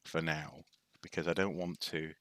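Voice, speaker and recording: Deep-voiced man rambling over his collection. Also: fairly even intonation, moderate pace, a bit bright. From North Wales. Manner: hesitant, lots of ums and restarts, wry asides. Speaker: live streamer. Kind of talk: casual rambling show-and-tell.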